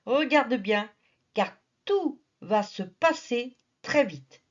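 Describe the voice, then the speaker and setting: A woman's voice: fairly high pitch, lively intonation, takes it slowly, dull audio. A woman narrating a nature documentary in a familiar, teasing storytelling manner. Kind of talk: nature documentary narration, playful asides to the viewer.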